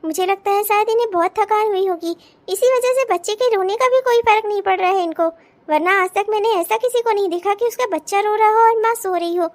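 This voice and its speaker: A woman's voice: very high voice, fairly quick. A woman voicing a headstrong young bride in a cartoon, speaking bluntly and defiantly. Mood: puzzled. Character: headstrong young bride refusing her new marriage. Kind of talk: cartoon voice acting.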